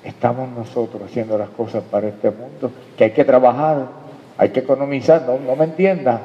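A man preaching a sermon with emphatic swings between loud and quiet. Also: medium pitch, steady tone, a little fast. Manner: emphatic preaching, rises and drops in loudness. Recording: dull sound in a reverberant hall.

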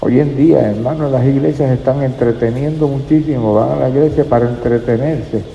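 Gravelly-voiced preacher in an echoey hall. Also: male voice, medium pitch, steady tone, fairly quick, muffled recording, slight background noise. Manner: earnest, addresses listeners as brother. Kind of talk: sermon. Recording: echoey hall with faint ambience.

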